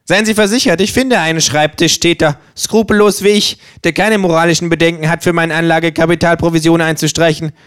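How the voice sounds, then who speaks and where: Ein Mann, der ein freches, zynisches männliches Känguru spricht, sarkastisch und provokant. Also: male voice, steady tone, fairly quick, few pauses, fairly bright tone, smooth, natural voice. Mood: sarcastic. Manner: sarcastic, provocative, shrill high voice. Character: brash, cynical male kangaroo.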